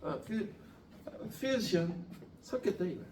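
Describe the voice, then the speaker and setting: A man's voice: high voice, lively intonation, slow, a little mellow, slight background noise. Profane joking man lecturing in an echoey classroom. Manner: blunt, profane and joking, fires questions at students. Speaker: science lecturer at a cram school. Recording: echoey room, mic at a distance.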